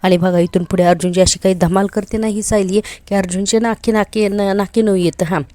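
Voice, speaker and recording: A woman recapping a television serial episode, retelling it in a lively way and quoting the characters. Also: medium pitch, a little fast, no echo. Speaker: serial reviewer.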